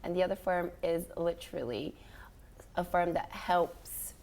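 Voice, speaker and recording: A woman guest giving informal television recommendations in a halting, explanatory way. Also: on the low side, a little mellow, slight background noise. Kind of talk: informal review chat.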